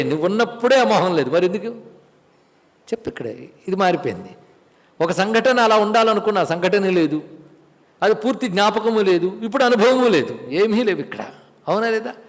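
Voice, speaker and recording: Male spiritual teacher, fairly high voice, rhetorical questions and chanted verses, long hall reverb. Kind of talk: religious discourse on scripture.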